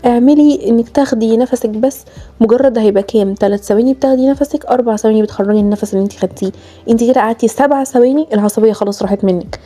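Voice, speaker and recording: A woman's voice: fairly high pitch, mellow. A woman with an Egyptian Arabic accent, a mother coaching other mothers on parenting, earnest and addressing the viewer directly. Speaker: mother giving parenting advice. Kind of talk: direct-to-camera advice talk.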